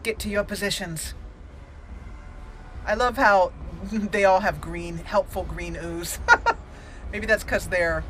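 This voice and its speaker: Indoors, with game audio running underneath, a woman hosts a let's play for her gaming channel, slipping playfully between character voices and relaxed commentary. She speaks slowly at a medium pitch, with a steady, fairly bright tone and long pauses, though the audio quality is poor.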